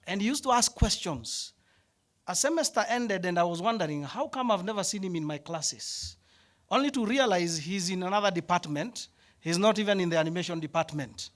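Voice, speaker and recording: A man with a notably high voice speaks at a graduation ceremony. He talks in a reflective, conversational way and is openly moved. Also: a bit bright. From Africa. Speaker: head of animation department giving faculty speech. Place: ceremony hall.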